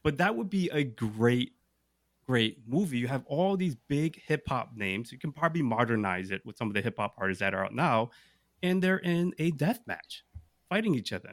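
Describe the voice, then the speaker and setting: His medium-pitched voice is recorded with no echo. Co-hosting a podcast, he walks the group through his picks in a casual, eager chat, frequently asking rhetorical questions.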